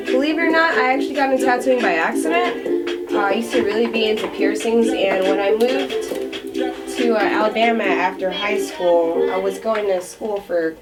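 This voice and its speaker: The recording is rough, with loud music playing behind a mid-range female voice at a moderate pace. She's a Japan-born tattoo artist of about twenty, talkative and casual in the interview, laughing frequently.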